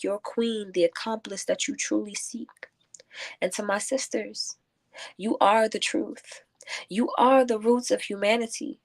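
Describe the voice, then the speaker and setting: With a fairly high, slightly mellow voice, this spoken word poet appears as a guest. Her casual conversation gives way to rhythmic verse, which she declaims with rhymes.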